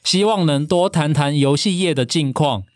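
一位带台湾口音的男性播客搭档主持，语气随性，像朋友聊天。. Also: male voice, a little high, normal speed, no room sound, studio quality. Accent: Taiwanese. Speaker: podcast co-host. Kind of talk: casual podcast chat.

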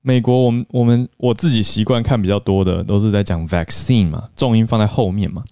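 A man hosting a podcast, chatting and explaining in a relaxed, filler-rich way. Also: lowish voice, fast, smooth, no room sound, clean studio sound. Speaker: podcast news host. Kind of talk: casual news and English-learning podcast talk.

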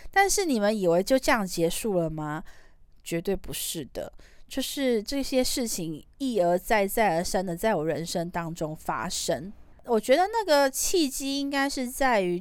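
A woman's voice: mid-range voice, no room sound, studio quality. Chatty Taiwanese woman telling a story. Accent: Taiwanese Mandarin. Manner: chatty, rambling, trailing particles. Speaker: podcast host. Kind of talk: casual storytelling monologue.

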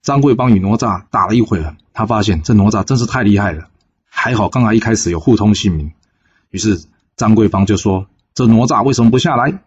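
Husky low-voiced man telling a folk tale. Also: brisk, muffled recording. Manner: relaxed, filler-heavy storytelling. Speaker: storyteller. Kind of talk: casual folk-tale narration.

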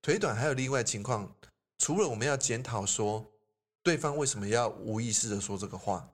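A man speaks as a teacher on a casual podcast. He explains his points patiently, with frequent repeated agreements, at a moderate pitch. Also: expressive, fairly quick. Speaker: teacher giving advice on a podcast.

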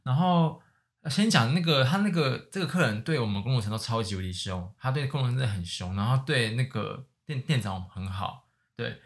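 A man, co-hosting a podcast and telling stories in a casual, animated way with many restarts. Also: mid-range voice, moderate pace. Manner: animated, restless storytelling with repeated restarts. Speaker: podcast co-host. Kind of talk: casual chat, storytelling.

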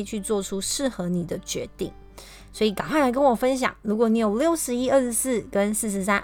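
A young woman with a Taiwanese Mandarin accent, hosting a solo podcast in a chatty way, full of fillers and rhetorical questions. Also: fairly high pitch. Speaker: podcast host explaining a personality system. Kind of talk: casual solo podcast talk.

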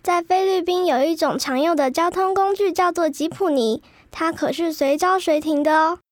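At normal speed and with no room sound, a woman uses a very high-pitched voice to play a schoolgirl in an educational radio drama for kids. The character is chatty and cheerful, Filipino-Taiwanese, and proud of Philippine food. She sounds lively and keen to share.

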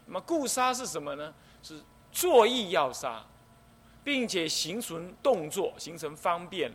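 A man's voice: sits high, a little slow, slightly rough. A middle-aged man, a Buddhist abbot, lecturing on the precepts. He explains step by step and acts out the things people might say. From Taiwan. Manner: explanatory, lively, acts out quoted speech. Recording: faint background noise.

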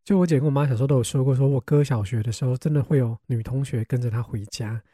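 Fast-talking Taiwanese-accented young man. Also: medium pitch, husky, no room sound, clean studio sound. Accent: Taiwanese Mandarin. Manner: animated, exasperated, swears casually. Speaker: podcast host. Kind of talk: casual storytelling chat.

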